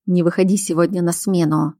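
A woman's voice: lowish voice, fairly even intonation, a little fast, dark tone, dry recording, studio quality, natural voice. A woman reading the part of a domineering male werewolf pack leader, curt and commanding in an audiobook. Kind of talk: audiobook character voice.

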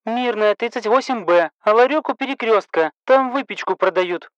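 A man voicing a nosy woman caller who reports things in a hushed, conspiratorial way. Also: sits high, moderate pace, no echo, muffled recording, voice pushed up, lightly acted.

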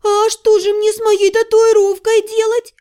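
A woman's voice: normal speed, a little mellow. A woman voicing a rebellious teenage younger sister who whines and cries as she argues. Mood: sulky. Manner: crying, whiny, shrill.

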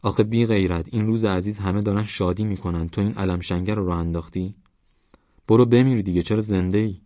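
A man's voice: fairly low pitch, steady tone, warm tone, no echo, dull audio, close to an everyday voice. A man voicing a grumpy middle-aged village man who scolds impatiently. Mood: scolding.

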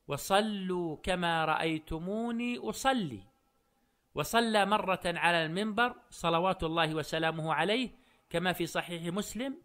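Male preacher for scripted religious programme; formal Standard Arabic, high bright voice, measured delivery. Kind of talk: scripted religious radio talk.

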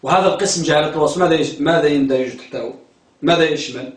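Male lecturer, high voice, heard from a distance in a roomy classroom, quizzes and repeats terms. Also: racing. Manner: questioning, repeats key terms, tells students to focus. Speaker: teacher of hadith terminology. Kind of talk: classroom lecture with questions to students.

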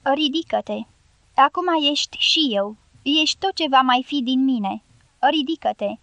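Woman reading as a calm, commanding wounded soldier. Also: sits high, no echo, muffled recording. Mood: tender, firm. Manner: measured, firm commands. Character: American male dynamiter, wounded, calm and commanding.

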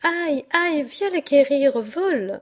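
A woman reading aloud, voicing a lively, playful young country girl who talks in quick exclamations, in a slow, mellow audiobook delivery. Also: sits high, pitched above the performer's own voice, full character voice. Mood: squealing. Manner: excitable, exclamatory.

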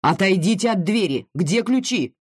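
A reader voicing a shouting male hospital chief who barks orders, in a dry recording. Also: medium pitch, very animated, unhurried, breathy edge, no echo, pitched above the performer's own voice. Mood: commanding. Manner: brusque, barking orders.

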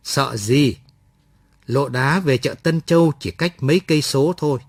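A man voicing a gruff young male soldier who barks his words roughly in a read-aloud story. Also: mid-range voice, unhurried, no echo, clean studio sound. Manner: barking, rough-spoken.

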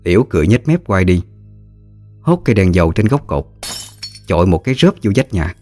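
A man's voice: sits low, big pitch swings, brisk, warm tone, soft background music. A man, steadily narrating a ghost story.

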